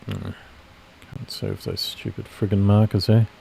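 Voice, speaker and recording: A man's voice: on the low side, flat delivery, normal speed, creaky, mellow, slight background noise. A man with a nasal voice giving casual live commentary on futures trades, rambling and correcting himself as he explains his setups.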